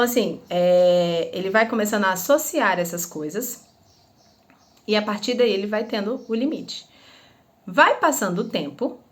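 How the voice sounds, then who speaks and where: A woman, a former schoolteacher, gives casual parenting advice to camera, explaining with rhetorical questions and acted-out examples. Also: medium pitch. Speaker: parenting educator.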